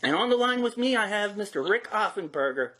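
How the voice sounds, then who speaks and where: This man hosts an interview podcast and opens the show with casual, chatty talk, his high voice animated, sharp, and a little fast. The room echoes noticeably, and background noise comes through clearly.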